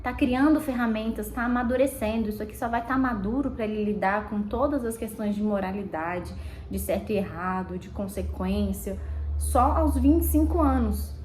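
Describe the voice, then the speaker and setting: A woman with a Brazilian Portuguese accent giving parenting advice in a conversational, animated way, acting out parent and child lines. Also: medium pitch, moderate pace, echoey room, a little hiss or hum, rough recording. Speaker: parenting educator. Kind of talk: direct-to-camera parenting advice.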